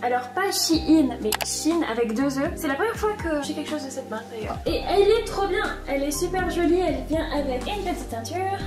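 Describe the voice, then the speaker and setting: A woman's voice: sits high, animated, brisk, few pauses, over music. A woman in her twenties from France, chatting playfully as the host of her own vlog. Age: 20s. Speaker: vlogger host. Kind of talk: casual vlog chat.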